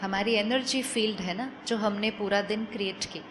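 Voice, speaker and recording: A woman giving a calm, persuasive spiritual talk to a live audience, often asking questions and mixing in English phrases. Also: mid-range voice, moderate pace, background noise. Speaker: spiritual speaker.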